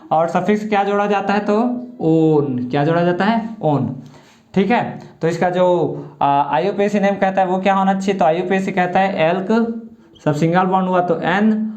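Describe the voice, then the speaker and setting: Man, high voice, chemistry lecture, quizzes and answers himself, echoey room, dull lo-fi sound. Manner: asks questions and answers them himself, drawing out key words. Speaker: chemistry teacher. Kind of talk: classroom lecture with call-and-response. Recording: roomy, muffled lo-fi sound.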